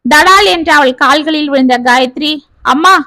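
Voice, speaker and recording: A woman narrating a family story in an expressive, steady storytelling style. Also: sits high, moderate pace, noisy background.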